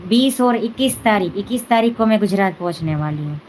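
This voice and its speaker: A woman's voice: mid-range voice, expressive, brisk, a little mellow, low-quality recording. Woman, devotional live-stream host, chatty and casual, lots of fillers, faint background hum. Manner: chatty, many fillers and "है ना" asides.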